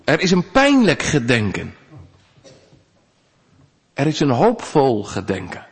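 A man's voice: mid-range voice, huge pitch swings, slow, husky. Earnest male preacher in a reverberant church. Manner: earnest, rising to loud pleas, dropping to quiet asides. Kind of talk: sermon.

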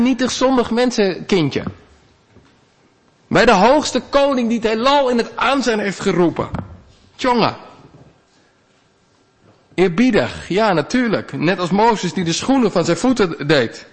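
A male pastor giving a sermon in a conversational, animated way, with big swings in pitch.

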